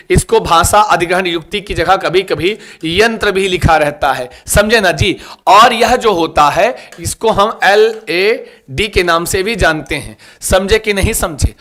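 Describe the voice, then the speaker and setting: A man's voice: high-pitched, a little slow, hardly any pauses, fairly bright tone. A man teaching a live online exam-prep class, quizzing students and coaxing them over and over to like and share. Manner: repetitive, coaxing.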